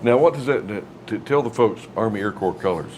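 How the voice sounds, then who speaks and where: A man's voice: fairly low pitch, expressive, brisk, a crowd in the background. A man chatting casually as an interviewer, with a folksy, rambling way of asking questions. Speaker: interviewer, host.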